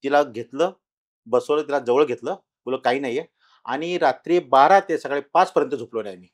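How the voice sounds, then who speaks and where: A middle-aged man with a mid-range voice shares a ghost experience of his own while being interviewed on a podcast. His casual storytelling is full of pauses and fresh starts, and his volume climbs at the tense parts.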